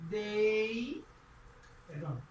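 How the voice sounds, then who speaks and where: A woman teaching a grammar lesson, repeating each phrase slowly as she writes it out. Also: medium pitch, animated, darkish tone, distant mic, muffled recording, a little hiss or hum. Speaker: English teacher. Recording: echoey room, voice from off-mic.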